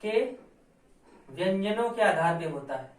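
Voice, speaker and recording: Speaking at a measured pace in a lowish, expressive voice, a woman teaches grammar, posing questions she then answers herself and going back over the key points. She sounds far off, in a room with an echo.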